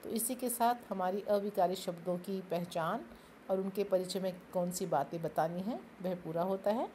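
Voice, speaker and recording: A woman's voice: mid-range voice, normal speed, dark tone, slight background noise. A woman teaching a grammar lesson, explaining step by step and asking and answering her own questions. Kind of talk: classroom-style grammar lesson.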